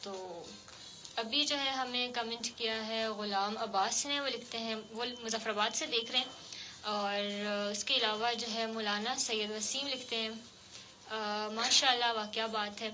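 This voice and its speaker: A woman hosting a radio show, interviewing a child guest with gentle, coaxing questions full of fillers. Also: on the high side, fairly even intonation, background noise. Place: radio studio.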